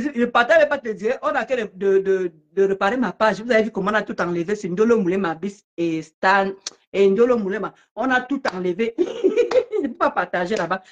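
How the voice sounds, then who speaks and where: A woman ranting casually on a live stream about an online feud, mocking and laughing loudly, talking fast in bursts. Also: fairly high pitch.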